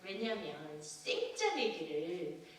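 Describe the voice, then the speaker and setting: A woman pastor preaching a sermon, telling a personal testimony with lively acted-out scenes and frequent laughter. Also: fairly low pitch, slow, slight background noise. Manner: animated testimony storytelling, acting out scenes, laughing often. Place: church sanctuary. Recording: echoey church from far off.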